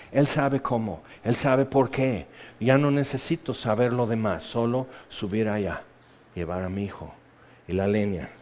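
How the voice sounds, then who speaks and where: A man preaching a sermon with passion, moving between loud emphasis and soft hushed tones, reading scripture and acting out the quoted voices. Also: medium pitch, muffled recording. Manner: reads scripture then acts out quoted voices.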